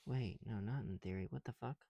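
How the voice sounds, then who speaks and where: An ASMR video creator mutters to himself close to the mic while working through a hands-on task, musing aloud in casual commentary. His voice is fairly low, creaky and mellow, his pace brisk, and the recording has no echo.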